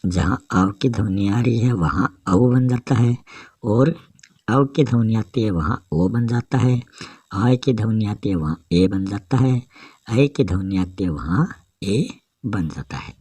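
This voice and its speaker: Slow, low-voiced man teaching grammar. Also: lively intonation, mellow, no echo. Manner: slow, step-by-step explaining. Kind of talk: grammar lesson.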